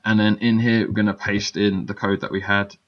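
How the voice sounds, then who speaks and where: Low, chatty man with a dull lo-fi sound. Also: little pitch movement, brisk. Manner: chatty, loose, many fillers and check-in "yeah?"s. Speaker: game development teacher. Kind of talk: casual screen-recorded software tutorial.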